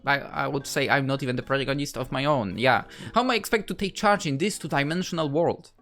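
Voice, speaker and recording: A young Polish gaming YouTuber with a Polish accent chats playfully and reads game dialogue aloud in a casual let's play. His voice is mid-range and a bit bright.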